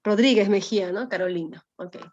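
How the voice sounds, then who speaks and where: A woman's voice: mid-range voice, brisk, a little mellow. A woman with a Peruvian accent teaching a language class over a video call, explaining step by step and often checking with "¿no?". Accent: Peruvian Spanish. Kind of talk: online class lecture. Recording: slightly dull lo-fi audio.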